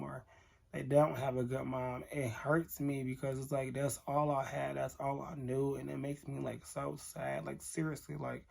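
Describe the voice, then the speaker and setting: A man's voice: mid-range voice, creaky, a little mellow. A man vlogger telling an emotional storytime to camera, candid and earnest, talking straight to his viewers.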